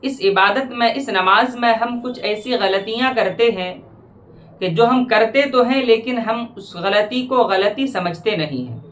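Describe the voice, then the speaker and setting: A man, a religious teacher, giving a measured lesson on prayer and slowly repeating phrases to correct pronunciation. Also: high-pitched, a bit bright.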